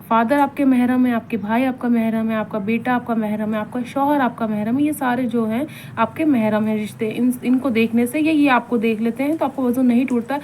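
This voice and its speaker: A woman explains religious rules in an informal, conversational way, going over each point more than once and asking her listeners rhetorical questions. Her voice sits fairly high but sounds mellow and warm. A faint noise runs under the recording. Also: steady tone, brisk. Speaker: religious instructor.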